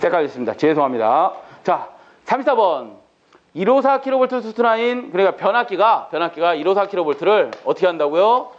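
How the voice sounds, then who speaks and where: A man with a fairly high voice leads an exam-prep lecture, firing off questions and answering them himself. The recording sounds a little dull and lo-fi. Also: expressive, brisk.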